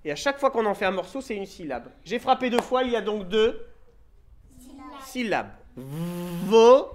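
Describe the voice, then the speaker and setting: A man's voice: high-pitched, sing-song, slight background noise. Patient masked male teacher. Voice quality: muffled through a face mask. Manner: patient, slow, encouraging, sounds out letters. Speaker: primary school teacher. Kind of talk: classroom lesson for young children. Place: school classroom. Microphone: handheld mic held by a pupil.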